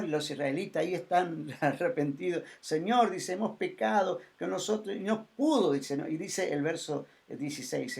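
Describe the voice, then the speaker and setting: A man preaching a sermon as pastor, emphatic and repetitive, swinging between loud and soft. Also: fairly high pitch, creaky.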